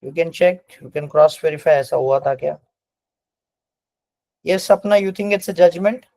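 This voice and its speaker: A man's voice: fairly high pitch, very slow, vocal fry. A man with an Indian accent teaching a class, mixing Hindi and English and cheering on his students. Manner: lively, praising students, Hindi-English mix. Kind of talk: classroom lecture.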